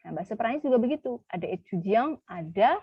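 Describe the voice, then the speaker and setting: A patient woman teacher drills her students on pronunciation, repeating each word and asking questions as she goes. Her voice sits a little high. The sound is dry and dull, as from a basic online call. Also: animated, fast, slightly rough, no echo. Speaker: French teacher. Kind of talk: online class lesson.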